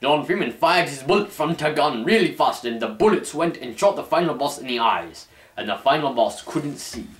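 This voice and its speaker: A young man's slightly high, animated voice moves at a moderate pace through mock-dramatic scripted narration. Hosting in a theatrical, mock-formal storyteller's manner, he's recorded in a small room at home a little off-mic, with roomy camera sound.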